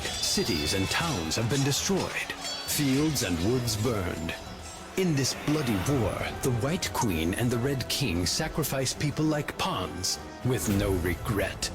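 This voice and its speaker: An actor playing a male storybook guide in a fantasy game, speaking in a measured, theatrical storyteller's way. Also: medium pitch. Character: Humpty Dumpty, male storybook guide addressing Alice. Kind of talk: scripted game character dialogue and narration.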